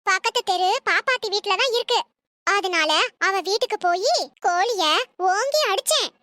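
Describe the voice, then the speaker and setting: Woman doing sassy young cartoon daughter-in-law, tiny high voice, bright and sneaky. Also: expressive, normal speed, dry recording, heavily acted. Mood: sly. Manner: sly, mocking.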